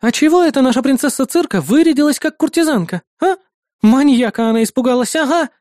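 A woman's voice: high voice, expressive, quick pace, a little mellow, dry recording, studio quality, voice pushed up. A woman voicing a bossy, sarcastic middle-aged female neighbor in an audiobook. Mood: indignant. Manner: scolding, indignant, sarcastic. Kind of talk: audiobook character voice.

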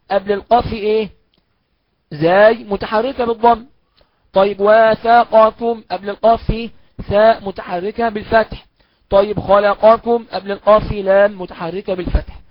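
The recording is dull and has no room sound as a high-pitched man with an Egyptian Arabic accent teaches Quran recitation. Working step by step, he raises questions, answers them himself, and chants the examples at a slow pace.

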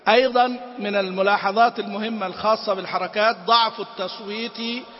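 High-voiced man teaching Quran recitation. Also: fairly even intonation. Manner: demonstrates sounds by chanting, then corrects with quick asides; quizzes listeners with short questions. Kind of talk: tajweed lesson. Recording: roomy reverb, dull lo-fi sound.

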